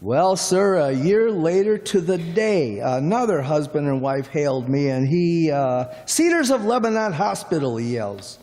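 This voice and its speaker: A man's voice: fairly high pitch, animated, measured pace, few pauses, dark tone. A man playing a chatty, folksy middle-aged cab driver in a radio play, rambling on in a drawl. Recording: long hall reverb.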